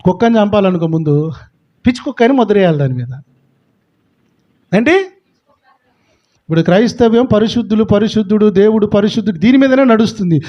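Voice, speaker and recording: High-pitched emphatic male preacher. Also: animated, fairly quick, pauses often, dark tone, highs cut off. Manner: emphatic preaching with rhetorical questions. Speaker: pastor. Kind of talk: sermon.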